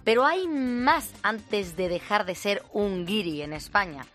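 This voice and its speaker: A woman's voice: medium pitch, unhurried, faint music behind. Joking Spanish woman hosting a chat. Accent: Peninsular Spanish. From Spain. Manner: lively, joking, often laughing. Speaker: radio show host. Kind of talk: casual chat about a news story.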